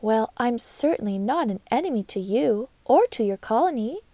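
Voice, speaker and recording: Cheerful curious ladybug, a woman doing the voice, high and eager, dry close sound. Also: moderate pace, dry recording. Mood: earnest. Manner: bubbly, squealing excitement. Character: cheerful young female ladybug, curious and sweet.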